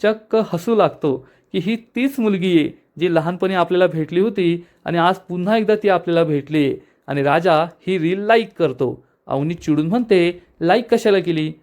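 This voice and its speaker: A man walks through the plot of a serial episode in quick storytelling, addressing his viewers as friends. His voice is slightly high for a man and stays steady and clear as he moves from scene to scene. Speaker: serial recap narrator. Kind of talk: TV episode recap narration.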